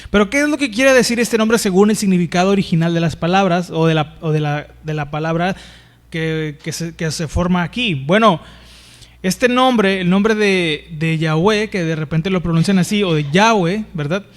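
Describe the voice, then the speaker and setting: A man with a Mexican accent teaching a Bible lesson as pastor, conversational, with frequent restarts and tag questions. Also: sits high.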